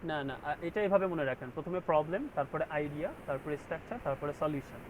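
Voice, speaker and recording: A man teaches a design class over a video call. His voice sits a little high, and he explains step by step, stopping often to check that everyone follows. Steady noise runs under the call audio. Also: fast, low-quality recording. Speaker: graphic design instructor. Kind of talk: online class lecture.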